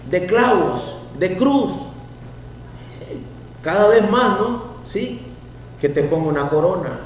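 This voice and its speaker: A middle-aged man, a pastor, preaching a sermon and asking the congregation questions, at times rising to loud cries. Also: mid-range voice. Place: church sanctuary. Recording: echoey hall from far off, faint noise.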